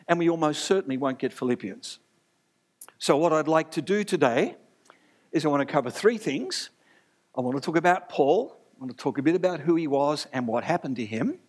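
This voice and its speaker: A male pastor delivers a sermon before his church congregation. His voice sits slightly high, and he keeps things chatty and light, joking with the room as he teaches.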